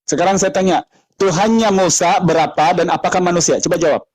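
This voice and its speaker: A man's voice: sits high, fairly even intonation, a little fast, a little mellow, low-quality recording. A man with an Indonesian accent, a preacher in a heated live debate who presses the same question again and again. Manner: insistent, repeats questions.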